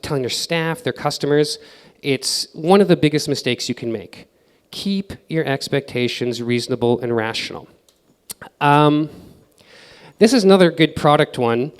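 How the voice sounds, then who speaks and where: A man's voice: mid-range voice, smooth. A man giving a casual conference talk full of fillers, mimicking other people's voices as he gives advice. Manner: casual, filler-heavy advice with acted-out quotes. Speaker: conference speaker. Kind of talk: conference presentation. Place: conference hall. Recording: reverberant hall.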